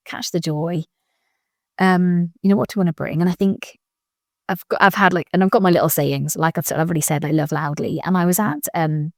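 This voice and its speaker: Chatty mum with a lowish voice. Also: female voice, dry recording, studio quality. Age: adult mother. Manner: chatty and animated, quick to laugh, with many fillers. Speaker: joy coach and podcast guest. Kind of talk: casual conversation.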